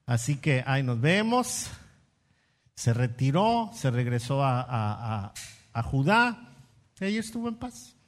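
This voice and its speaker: A man's voice: medium pitch, sing-song, a little slow. A man with a Mexican Spanish accent preaching a sermon as a casual, slangy story, asking the congregation questions. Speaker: pastor.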